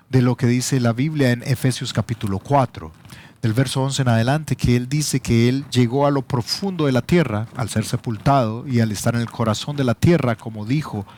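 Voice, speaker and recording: A man's voice: medium pitch, a little mellow. Salvadoran man preaching a sermon. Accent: Salvadoran Spanish. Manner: teaching, rising sharply when quoting scripture. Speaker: pastor.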